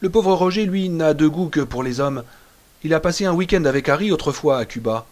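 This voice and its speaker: A man's voice: on the high side, expressive, a little fast, darkish tone, close to an everyday voice. A man voicing a flirtatious, gossipy woman who chats in a teasing, confiding way. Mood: gossiping.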